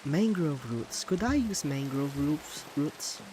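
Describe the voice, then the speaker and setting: Animated and casual, a streamer from the Philippines thinks aloud while building in a game, his Filipino-accented voice sitting a little high. He frequently breaks off mid-sentence hunting for English words, Tagalog being his first language. There's a faint hiss beneath.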